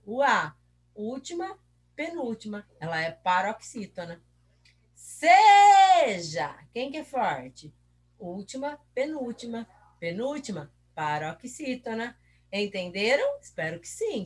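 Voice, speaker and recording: Animated woman teacher. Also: mid-range voice. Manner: drawn-out, syllable-by-syllable pronunciation of example words; patient, encouraging, asks the class questions. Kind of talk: recorded review lesson for pupils.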